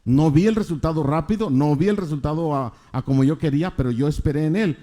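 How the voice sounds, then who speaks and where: Preacher with a mellow voice. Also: male voice, fairly high pitch, fast talker. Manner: questions the congregation, repeats key phrases emphatically. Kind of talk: sermon.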